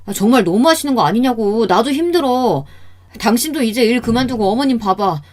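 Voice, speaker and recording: A woman's voice: on the high side, lively intonation, fairly quick, a little mellow, pitched above the performer's own voice. A woman voicing a frustrated middle-aged son-in-law who keeps sighing "ah" as he complains.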